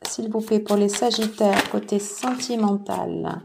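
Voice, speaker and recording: A woman giving a casual tarot reading to her viewers, soft-spoken and peppered with fillers like "voilà" and "alors". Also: mid-range voice, a little slow, vocal fry, background noise. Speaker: tarot reader.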